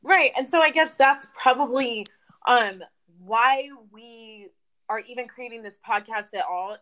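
Woman co-host, casual podcast chat, candid and playful, slightly high voice. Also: fairly bright tone.

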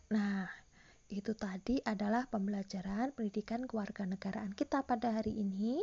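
A woman's voice: fairly high pitch, gravelly, dark tone, slightly rough, lo-fi sound. A woman teacher giving a recorded online lesson to primary school children, patiently explaining and reading example questions aloud.

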